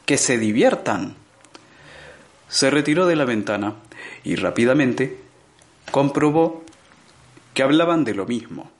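A man narrating an audiobook in a measured, expressive storytelling manner. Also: mid-range voice. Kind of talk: scripted narration.

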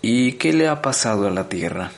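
A man's voice: medium pitch, expressive, normal speed, natural voice. A man voicing a bewildered, anxious ordinary man who keeps questioning in disbelief. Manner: anxious, incredulous.

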